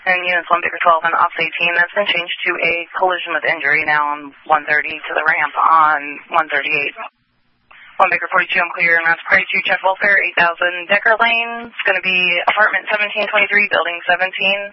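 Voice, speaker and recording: A man's voice: sits high, level tone, no echo. A man working as a police dispatcher, calling out units, codes and addresses over a police radio transmission. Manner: measured dispatch call-outs with codes and addresses. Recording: dull, dry radio audio.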